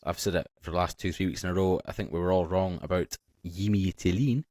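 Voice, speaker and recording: Male podcast host, bantering, deep voice, dry mic. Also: steady tone, fast, a little mellow, dry recording. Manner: bantering, leads the segments. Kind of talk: casual podcast chat.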